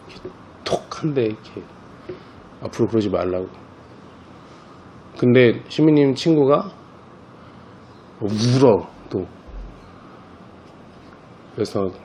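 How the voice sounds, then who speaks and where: With a voice at a typical male pitch, a priest leads children's catechism, settling into a relaxed story and addressing the kids directly. The audio is somewhat dull and lo-fi, with slight background noise.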